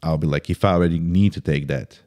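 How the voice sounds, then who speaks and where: A man in his thirties talks in a low, mellow voice as a podcast guest. His delivery is loose and casual, peppered with "bro" and halting restarts. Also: steady tone. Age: 30s. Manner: casual, sprinkles "bro" constantly; halting restarts while thinking.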